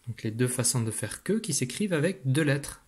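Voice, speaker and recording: A man with a slightly husky voice teaches young children in a recorded video lesson. He speaks patiently and explains each step slowly and carefully, at a middle pitch. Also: animated, darkish tone.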